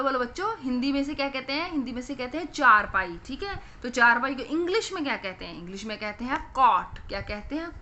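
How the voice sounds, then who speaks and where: A young woman with a Punjabi accent teaching children phonics, asking questions and repeating each answer slowly. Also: sits high, sharp tone.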